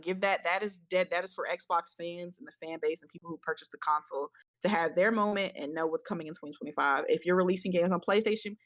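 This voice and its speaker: A woman hosting a casual gaming podcast, ranting in an animated, exasperated way with stammered, repeated phrases. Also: on the low side, no room sound. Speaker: podcast host.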